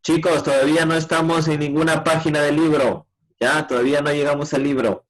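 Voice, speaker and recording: A man teaching a grade-school English lesson, patiently explaining grammar and modeling English sentences slowly. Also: a little high, little pitch movement, low-quality recording. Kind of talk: online class explanation.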